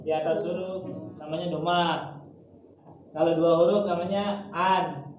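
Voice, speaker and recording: A man teaching Quran recitation in an informal class, patiently repeating rules and slowly chanting drawn-out example words. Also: sits high, steady tone, darkish tone. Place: gathering room with students. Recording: echoey room, far from mic, noisy.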